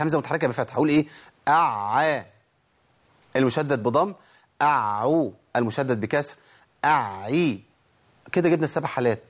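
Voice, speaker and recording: Egyptian man, slightly high voice, recitation teacher who stretches out sounds to demonstrate them. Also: husky. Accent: Egyptian Arabic. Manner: drawls out sounds and words slowly to demonstrate them; asks questions and answers them himself. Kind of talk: spoken lesson on pronunciation.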